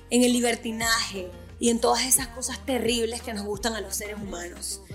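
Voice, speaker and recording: A woman with a Caribbean Venezuelan Spanish accent and a slightly husky voice, hosting a podcast in a casual, playful, irreverent way. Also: a little high, fairly bright tone. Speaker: podcast host.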